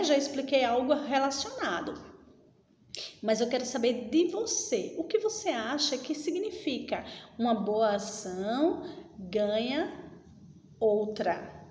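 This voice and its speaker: Slow, patient woman teacher. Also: a little high, a little mellow. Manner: slow, patient explaining with many check-in questions. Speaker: schoolteacher. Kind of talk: recorded remote lesson for children. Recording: roomy echo with long reverb and faint noise.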